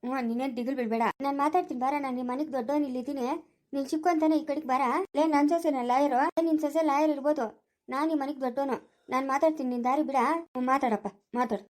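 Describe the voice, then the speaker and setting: A woman's voice: sits high, steady tone, rapid-fire, darkish tone. A young woman with a rural Chikkaballapur Kannada accent, acting in a village comedy skit with a coaxing, consoling, talkative manner. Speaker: family skit performer.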